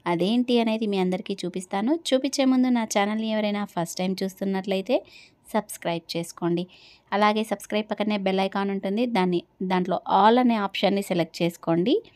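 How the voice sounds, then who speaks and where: A woman's voice: mid-range voice, fast talker, darkish tone, no echo. A young adult woman narrating her vlog in a chatty way, with many fillers. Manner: conversational, uses many fillers. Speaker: vlogger.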